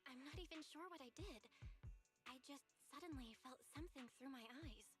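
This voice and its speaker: A woman streamer reading game dialogue aloud in a lively, expressive way. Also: high voice, brisk, over music.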